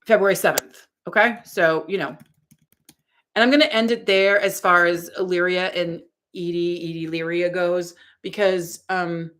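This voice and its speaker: A woman's voice: fairly low pitch, fairly even intonation, measured pace, fairly bright tone. A woman in her forties, a live streamer reading out her chat in a rambling way, full of fillers and restarts. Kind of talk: casual livestream chat.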